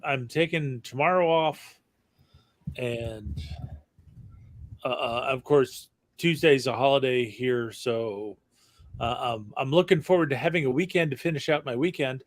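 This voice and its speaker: A middle-aged man co-hosting a casual stream, talking haltingly with many ums and dry jokes. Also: medium pitch, a bit bright, dry recording. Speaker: co-host. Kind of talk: casual chat.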